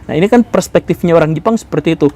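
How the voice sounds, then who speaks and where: A man hosting a history channel, telling history as a lively story and speaking straight to his viewers. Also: on the high side, very fast. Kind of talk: history commentary.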